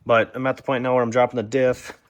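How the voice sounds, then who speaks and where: This DIY truck vlogger talks fast in a flat, mid-range voice, rambling through casual narration and knocking himself as he works. He's a young man filming on a phone propped up close by, shifting between the backyard and the workshop. At times he runs out of breath.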